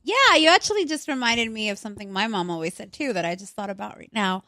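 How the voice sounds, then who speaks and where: A woman's voice: medium pitch, expressive, quick pace, sharp tone, no room sound, studio quality. A woman from Long Island co-hosting a casual podcast, chatty and peppering her talk with "like". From Long Island, New York. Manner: chatty, says "like" often. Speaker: podcast co-host. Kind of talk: casual chat.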